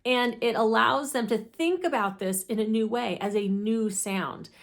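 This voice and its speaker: A woman speech therapist giving a deliberate, methodical instructional explanation of a teaching method. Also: on the high side. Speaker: speech therapist presenting her own teaching deck.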